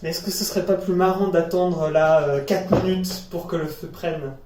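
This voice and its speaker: A man's voice: high-pitched, steady tone, moderate pace, over music. Rambling, self-mocking young man cooking. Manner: chaotic, self-mocking, swearing asides. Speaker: home cooking vlogger. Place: home kitchen. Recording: echoey kitchen with sizzling pan. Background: frying and sizzling food, stirring.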